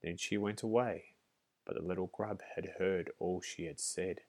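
A man reading a storybook aloud as narrator, at a steady, measured pace. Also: low voice.

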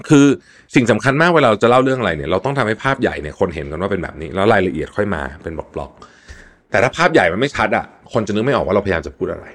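A man's voice: on the low side, fairly bright tone. A man hosting a solo podcast, explaining tips in a chatty, casual way with frequent polite particles and repeated words. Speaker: podcast host.

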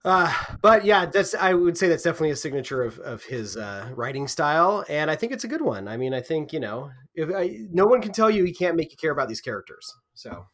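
A man's voice: on the high side, big pitch swings, a little fast, hardly any pauses, a bit bright. A man co-hosting a casual TV podcast, enthusiastic and rambling, laughing often. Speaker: podcast co-host. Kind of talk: casual chat.

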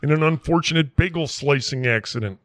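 A man's voice: on the high side, fairly quick, a bit bright, no room sound, studio quality, lightly acted. A man doing a folksy quack doctor. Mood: rambling. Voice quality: folksy, rambling, self-assured. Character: folksy small-town Wisconsin "doctor", middle-aged man. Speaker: comic character in a mock interview.

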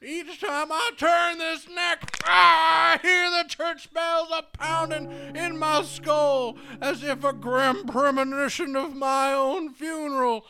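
Casting: a very old, frail woodland hermit, slow and high-pitched, melodramatic, flowery complainer for comic audio drama. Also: male voice, steady tone, bright, forceful tone, exaggerated voice. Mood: melodramatic lament. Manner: grandiloquent, wailing, drawn-out complaints in flowery speech.

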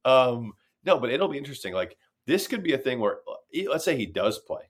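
A man's voice: medium pitch, sing-song, a little fast, breathy edge. A man co-hosting a sports podcast, chatting in a sarcastic, profane, conversational way. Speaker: podcast co-host. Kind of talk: casual sports chat.

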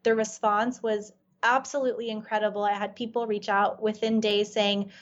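Her voice is medium-pitched, level and moderately paced as a Farsi-native life coach shares a personal story in a podcast interview. She sounds earnest and reflective, peppering her speech with "you know." The recording is muffled.

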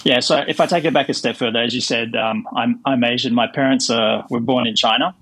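A man who grew up in Australia, a guest giving measured, plain answers in a podcast interview. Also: medium pitch, fairly even intonation, fairly bright tone, low-quality recording.

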